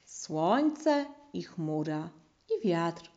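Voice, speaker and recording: A woman reading a children's storybook aloud in a calm, measured way. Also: fairly low pitch. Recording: slightly muffled recording.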